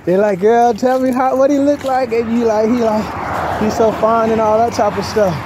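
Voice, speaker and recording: A very high-pitched man speaking at a moderate pace with a steady tone shares casual advice in a handheld-phone vlog. He's walking dogs outdoors on a street, talking in slang, repeating himself, and acting out quotes, with plenty of noise in the recording.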